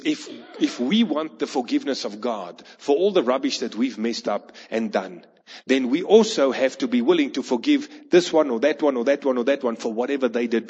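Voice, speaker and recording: A male preacher delivers a storytelling sermon, slipping into the voices of the people in his parable. His voice is husky and breathy at a medium pitch. It rings with a long reverb in a large hall, and the recording sounds dull and lo-fi. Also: darkish tone.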